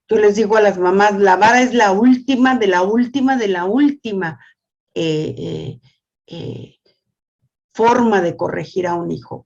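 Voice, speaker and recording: Older woman, family lesson teacher, repeats words, animated storytelling, mid pitch, lo-fi audio. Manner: repeats words, asks "¿sí?" often. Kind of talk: church teaching talk.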